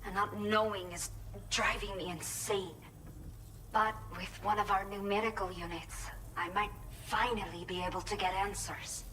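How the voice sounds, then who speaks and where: An actress voicing a pregnant former bandit woman with a Mexican accent in a video game, earnest and measured. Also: mid-range voice, steady tone, sharp tone, a little hiss or hum, natural voice, rough recording. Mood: troubled. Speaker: game character giving delivery orders.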